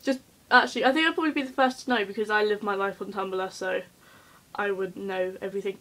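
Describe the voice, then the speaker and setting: A woman's voice: mid-range voice, steady tone, fast talker, pushed and bright, low-quality recording. A woman chatting casually in a vlog, hyper and giggly, rambling with lots of ums. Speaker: vlogger.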